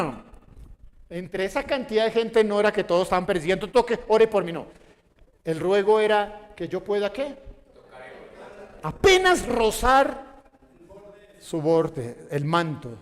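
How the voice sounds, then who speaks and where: High-voiced preaching pastor in a reverberant hall. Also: male voice. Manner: preaching with call-and-response questions, rising to shouts. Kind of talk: sermon. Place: church hall.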